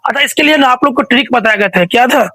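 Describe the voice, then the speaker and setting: A man's voice: very high-pitched, fast, pushed and bright, no room sound, low-quality recording. A male teacher running an online revision quiz, asking each question again and again and prompting students to answer.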